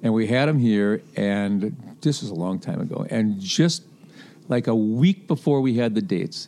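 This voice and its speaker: A man from a festival's booking team telling animated stories in an interview, acting out what people said. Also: on the low side. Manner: animated anecdote teller, acts out quotes. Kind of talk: storytelling interview.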